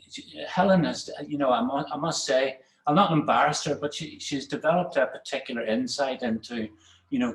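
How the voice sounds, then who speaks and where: A man hosting a business webinar, talking in a halting way and often restarting and repeating words. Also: medium pitch. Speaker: webinar host. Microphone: webinar call. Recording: roomy echoey sound.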